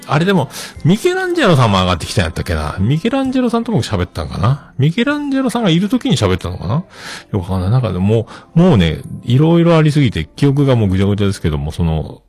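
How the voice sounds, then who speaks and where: A man's voice: fairly low pitch, darkish tone, slightly rough. A man hosting a show, chatting casually on his own in a rambling, self-joking way. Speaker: host. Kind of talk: casual solo chat.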